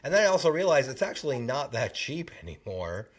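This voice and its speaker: A man's voice: mid-range voice, very animated, fairly quick, husky. A man co-hosting a casual chat, easygoing, chiming in with agreement and jokes. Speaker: podcast co-host.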